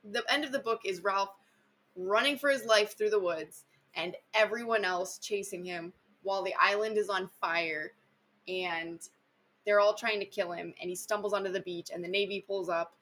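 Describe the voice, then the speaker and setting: A woman's voice: medium pitch, normal speed, fairly bright tone. A woman hosting a casual book chat, enthusiastic and chatty, full of filler words. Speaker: podcast host.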